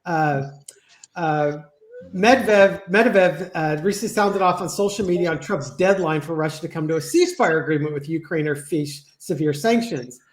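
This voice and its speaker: A man's voice: fairly high pitch, normal speed. A man co-hosting a tarot show, chatting casually and laughing often. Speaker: tarot reader and co-host. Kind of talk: casual chat. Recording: roomy echo.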